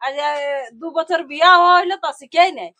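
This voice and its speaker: A woman's voice: very high voice, fairly even intonation, fairly quick, sharp tone. An actress playing a middle-aged farming mother-in-law with a Purulia Bengali accent, who grumbles and scolds. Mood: scolding. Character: nagging village mother-in-law, a hard-working farmer. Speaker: actor in a village drama.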